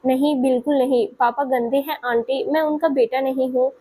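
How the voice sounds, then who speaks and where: A woman's voice: sits high, steady tone, moderate pace, dark tone. A woman voicing a hurt young boy who is crying and pleading in a spoken story. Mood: tearful. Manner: sobbing, pleading.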